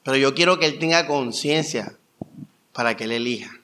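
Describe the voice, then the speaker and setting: A young adult man preaching a conversational sermon, telling stories with lively rhetorical questions. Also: medium pitch, normal speed. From Colombia. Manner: animated storytelling with rhetorical questions. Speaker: pastor.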